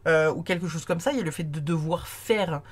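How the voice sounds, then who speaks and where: Woman tarot reader, lowish voice, rambling friendly delivery full of fillers. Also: a little fast, husky. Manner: chatty, many fillers and restarts. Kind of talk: casual spoken tarot reading.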